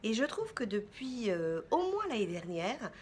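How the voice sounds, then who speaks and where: A woman's voice: fairly high pitch, big pitch swings, a little slow, a little hiss or hum. A woman beauty vlogger chatting casually through a haul, with many fillers and self-corrections.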